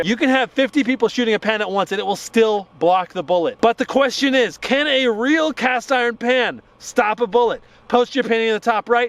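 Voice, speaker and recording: Excitable high-voiced man outdoors. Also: clean tone. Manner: enthusiastic, exclaims loudly. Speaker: YouTube gadget test host. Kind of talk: excited outdoor experiment vlog. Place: outdoors at a shooting range. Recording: noisy outdoor recording.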